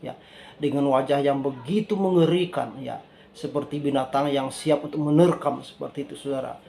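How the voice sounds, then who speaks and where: A man in his thirties telling a personal faith testimony, often addressing listeners as dear brothers and sisters, growing animated as he tells the frightening part. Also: medium pitch, normal speed, vocal fry. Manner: repeats "dear brothers and sisters in the Lord", gets animated retelling the scare.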